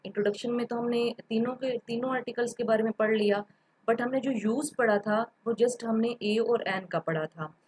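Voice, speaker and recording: Female teacher, patient lecturing delivery, slightly high pitch. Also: normal speed, a little mellow, husky, rough recording. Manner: patient, repeats examples, mixes in English terms. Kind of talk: grammar lecture.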